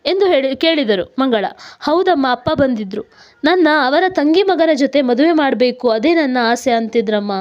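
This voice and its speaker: Woman storyteller, high voice, slightly dull lo-fi recording, reads all the characters' parts herself. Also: a little mellow. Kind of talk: storybook narration with acted dialogue. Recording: dull lo-fi sound.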